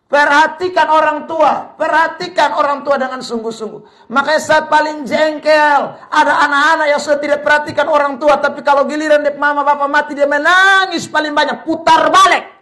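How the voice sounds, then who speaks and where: A male pastor with a Kupang Malay accent preaching a sermon, emphatic and at times shouting, often addressing the congregation fondly. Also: very high voice, steady tone, a little fast, few pauses. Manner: keeps repeating a fond address to the congregation.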